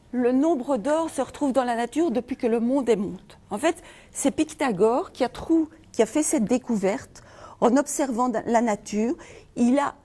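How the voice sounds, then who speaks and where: The feng shui talk comes from a middle-aged woman from Belgium whose accent is Belgian French, and she keeps asking the conference audience rhetorical questions. Her voice is on the high side but dark in tone.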